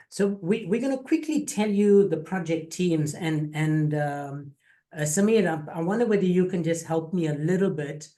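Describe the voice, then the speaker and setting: A man's voice: fairly high pitch, warm tone. A man hosting an online info session, talking casually and joking, often repeating words as he goes. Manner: chatty, jokey, repeats words. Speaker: program faculty host. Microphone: video call.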